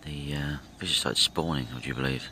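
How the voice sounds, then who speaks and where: A middle-aged man filming his own fishing trip, chatting casually and thinking aloud with pauses from behind a handheld camera by a lake. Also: extremely low pitch, sharp tone, a little hiss or hum. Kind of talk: casual self-filmed commentary. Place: outdoors by a lake. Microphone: handheld camera from behind the lens. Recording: outdoor ambience with nature sounds.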